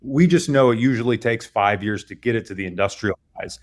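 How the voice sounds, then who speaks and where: A man, the guest, explains product ideas fluently and often checks in with a quick "right?". His voice sits a little low. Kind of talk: interview explanation.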